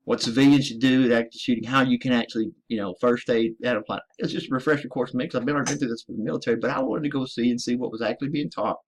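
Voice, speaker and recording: Racing along with few pauses, a man from the United States who served in the military speaks in a mid-range voice with a steady tone. He rants profanely and emphatically, greeting his listeners as ladies and gentlemen.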